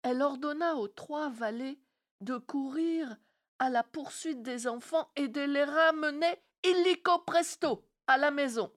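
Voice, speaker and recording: Brief: woman storyteller, unhurried and expressive, a fairy tale read aloud. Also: high voice. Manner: slow and expressive. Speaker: narrator. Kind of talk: storybook reading.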